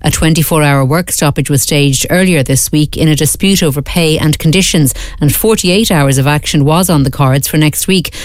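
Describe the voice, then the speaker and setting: An Irish woman reading a scripted radio news bulletin in a measured, formal way. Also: deep voice, dry recording. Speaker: newsreader. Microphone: studio microphone.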